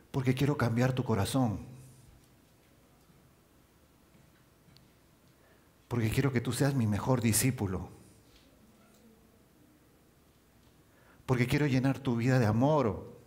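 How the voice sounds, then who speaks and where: Preacher putting on Jesus, gentle and soft-spoken, tender. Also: male voice, medium pitch. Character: Jesus, a gentle loving man. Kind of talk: sermon.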